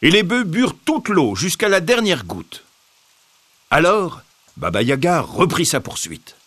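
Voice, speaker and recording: A man reading a fairy tale aloud with expressive storytelling. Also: a little high, unhurried.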